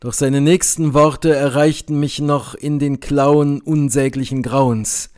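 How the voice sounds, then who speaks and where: Slow, grave male audiobook reader. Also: on the high side, fairly even intonation, darkish tone, clear, resonant tone. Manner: slow, measured, grave delivery. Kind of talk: dramatic audiobook narration.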